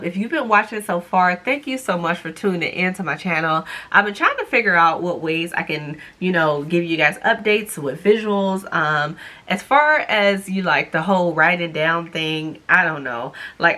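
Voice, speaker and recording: A young woman talks straight to her viewers in a relaxed, chatty vlog, sounding upbeat and encouraging. Her voice sits a little low for a woman and comes out slightly stuffy and congested. The talk is loose and conversational, full of asides to the audience. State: stuffy nose. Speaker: vlogger. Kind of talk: casual vlog update to camera.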